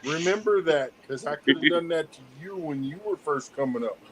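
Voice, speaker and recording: A man in a casual online group chat, brisk and friendly as he organizes the room. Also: on the high side, a bit bright, rough recording. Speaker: chat participant.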